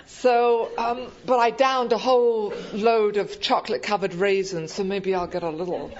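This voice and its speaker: A woman's voice: mid-range voice, fairly even intonation, moderate pace, a little mellow. An English-accented woman giving a humorous personal talk to an audience at a convention, wry, hesitant and self-deprecating. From England. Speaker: guest convention speaker. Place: convention meeting room, speaking to an audience. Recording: dull, lo-fi live event recording.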